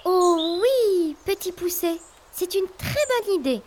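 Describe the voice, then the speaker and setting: A woman voicing an excitable young boy, the eldest of seven brothers, in an exclamatory childlike voice. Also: extremely high pitch, slow pace, noisy background, heavily acted. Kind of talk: storybook voice acting.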